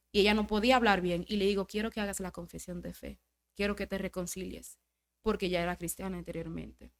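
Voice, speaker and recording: A woman's voice: medium pitch, a bit bright. Woman guest sharing a heartfelt faith testimony; storyteller who voices the quoted lines and repeats for weight. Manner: storytelling, acts out quoted dialogue; repeats phrases for emphasis. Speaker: podcast guest giving testimony. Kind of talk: emotional religious testimony.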